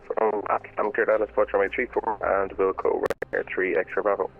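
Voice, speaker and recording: A man's voice: lowish voice, flat delivery, a little fast, creaky, slightly rough, faint music behind. A man speaking as a pilot over the radio, giving clipped procedural readbacks. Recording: tinny radio line.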